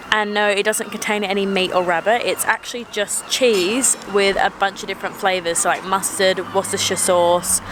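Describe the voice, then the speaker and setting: Chatty woman vlogging outdoors with street noise. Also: mid-range voice. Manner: chatty and upbeat, describing food and sights. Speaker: travel vlogger. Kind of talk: casual travel vlog. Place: outdoors and in a tea room, on the road.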